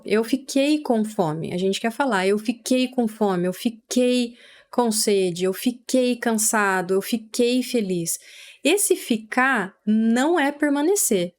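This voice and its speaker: A Brazilian woman teaching English vocabulary, patiently explaining and repeating words slowly for pronunciation. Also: on the high side. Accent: Brazilian Portuguese.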